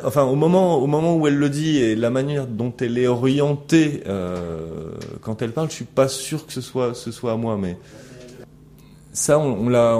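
In a lecture analyzing a recorded interaction, a middle-aged teacher works through his thoughts aloud, stumbling into fillers and restarts and asking students questions. His mid-range voice has a warm tone.

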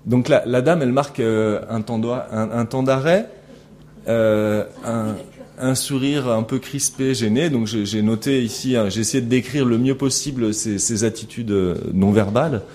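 Analyzing a recorded interaction in a classroom lecture, a middle-aged man teaches by thinking aloud, full of fillers and restarts, and quizzes his students along the way. He speaks at a moderate pace with a medium pitch and a darkish tone.

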